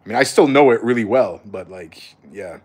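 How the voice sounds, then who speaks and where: With a lowish, husky voice at normal speed, an American male streamer chats casually and answers viewer questions. His replies are blunt, slangy and conversational, typical of a laid-back livestream from a content creator.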